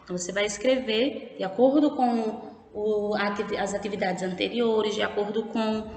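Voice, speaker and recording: A Brazilian woman teacher giving a recorded remote lesson, explaining slowly and patiently and often checking in with her pupils. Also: mid-range voice, steady tone, a little mellow. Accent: Brazilian Portuguese. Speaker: primary school teacher. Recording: echoey room with faint background noise.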